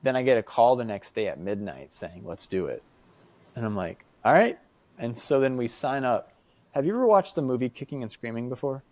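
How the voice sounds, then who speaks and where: A man's voice: medium pitch, fairly quick, no room sound. A young man from the United States chats as a podcast guest, telling stories with plenty of "um"s and "like"s. He acts out the voices of people in his stories. His voice sits mid-range and sounds close and dry, with almost no room. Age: young adult. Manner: animated, acts out quoted voices, many fillers. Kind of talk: casual storytelling.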